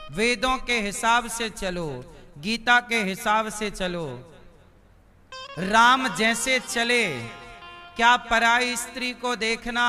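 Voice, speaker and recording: High-voiced preacher, slow, music behind. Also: male voice, pushed and bright. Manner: questions the audience then answers, emphatic. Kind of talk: sermon.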